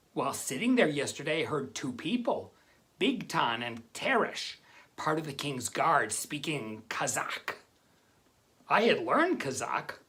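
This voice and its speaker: A woman's voice: low voice, a bit bright, heavily acted. A woman playing a humble, devout man who tells his own story in a plain, earnest way. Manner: plain, earnest first-person telling.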